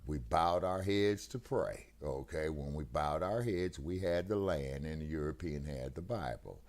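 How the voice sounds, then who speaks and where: A man with a deep, low-pitched voice, heard over a video call through a headset while the connection breaks up now and then. His manner is emphatic and preachy, and he keeps checking whether his listener follows. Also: expressive, a little slow, a little mellow. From United States. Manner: emphatic, preachy, keeps asking "you see what I'm saying?". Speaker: co-host of a talk stream. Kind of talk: casual political discussion.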